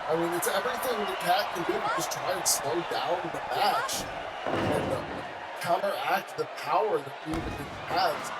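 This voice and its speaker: High-pitched male wrestling commentator over loud noise. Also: normal speed, over a noisy crowd. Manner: excitable, calling moves with shouted exclamations. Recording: loud background noise behind voice.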